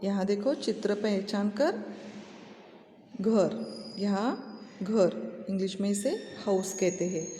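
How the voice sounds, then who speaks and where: A woman teacher speaks to small children in a slow, patient way, repeating each word and giving the English word for each picture. Her voice is mellow and dark. The room is echoey and the reverb lingers. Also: medium pitch, a little hiss or hum. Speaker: primary school teacher. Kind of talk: recorded Hindi lesson for young pupils.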